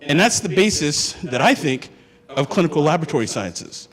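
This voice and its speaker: A man's voice: on the high side, big pitch swings, normal speed. Joking young man in a reverberant hall. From Hawaii. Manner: joking, chatty, asks the audience questions. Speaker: student speaker. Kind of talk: humorous personal storytelling talk.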